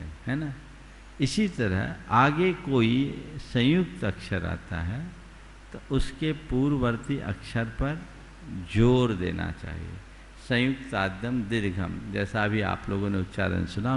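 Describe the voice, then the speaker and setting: A man, a Jain monk, giving a sermon, teaching slowly and deliberately and asking his listeners rhetorical questions. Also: medium pitch, creaky, a bit bright. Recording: long hall reverb, faint background noise.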